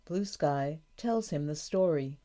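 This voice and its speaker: A woman reading a storybook for learners aloud, slowly and carefully, announcing each page. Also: sits low, lively intonation, mellow. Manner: slow, careful, clear reading. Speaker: audiobook narrator. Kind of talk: scripted narration of a graded reader.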